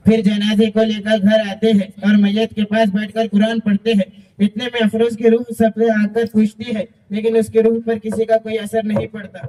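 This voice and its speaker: A man giving flat scripted narration for a drama. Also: sits high, normal speed, distant mic.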